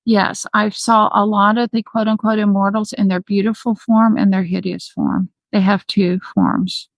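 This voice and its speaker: A woman's voice: medium pitch, little pitch movement, normal speed, gravelly, no echo. A woman speaking as an interview guest, talking earnestly with frequent ums and restarts. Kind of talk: remote interview conversation.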